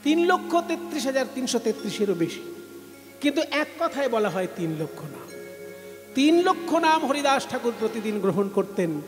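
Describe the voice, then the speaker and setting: A man's voice: very high-pitched, big pitch swings, moderate pace, in a large hall, over music. A man leading a devotional singing performance, telling a saint's story and explaining it like a teacher, breaking into song. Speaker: kirtan singer and storyteller. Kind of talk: sung devotional storytelling sermon.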